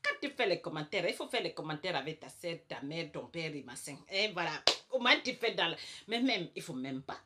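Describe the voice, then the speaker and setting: A woman's voice: low voice, big pitch swings, brisk, very noisy. A woman doing a chatty comic rant to camera. She is emphatic, repeats herself for effect and tags her sentences with little asides. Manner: emphatic, chatty, peppered with "hein" and "quoi". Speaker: comic monologue persona.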